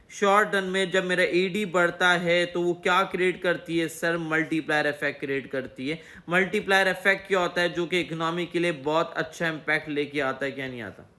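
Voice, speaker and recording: In a recorded classroom economics lecture, a man with a sharp, high-pitched voice explains through repetitive question and answer, putting questions to himself and answering them again and again.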